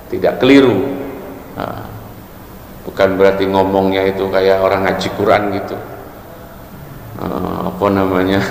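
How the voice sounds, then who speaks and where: In a lowish, gravelly voice, a man leads a relaxed religious study lecture, cracking jokes and quizzing his audience. The recording, made in an echoey hall with faint ambience, carries a little hiss or hum.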